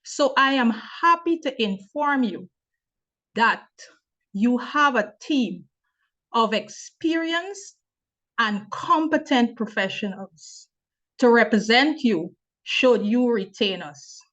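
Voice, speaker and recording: A young woman from Guyana, hosting and moderating a webinar on a video call, speaking in a measured, formal way. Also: fairly high pitch, animated, a bit bright. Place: home or office on video call. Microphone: laptop mic on video call. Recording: dull lo-fi video call audio.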